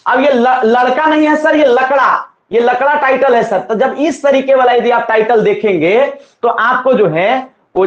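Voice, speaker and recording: A male teacher, drilling students in an exam-coaching lesson with call-and-response repetition. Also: extremely high pitch. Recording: echoey room, slightly dull sound.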